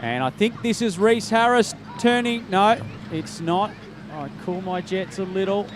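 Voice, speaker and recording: A man's voice: sits high, unhurried, noisy background. A man giving upbeat live commentary at a race finish, calling names and results. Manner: upbeat, calls names and results, says mate often. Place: outdoor race finish area.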